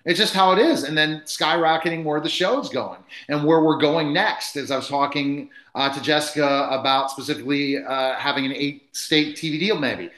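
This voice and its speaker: A man's voice: a little high, moderate pace, few pauses, a bit bright. A man hosting a celebrity interview show, chatting casually and hyping his guests. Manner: upbeat, hype-style host patter. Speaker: talk show host. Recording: roomy echo.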